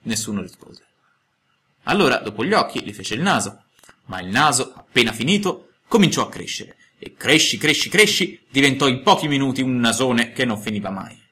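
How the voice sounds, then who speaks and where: A male narrator reading a classic tale aloud with an expressive, storytelling cadence. His mid-pitched voice is bright and forward, and his intonation rises and falls a great deal. It sounds like an audiobook reading. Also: fairly quick.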